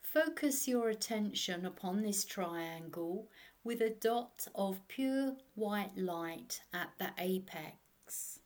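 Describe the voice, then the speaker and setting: A woman narrating a guided meditation in a soothing sleep story manner, hushed and unhurried, leaving long pauses. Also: medium pitch, expressive.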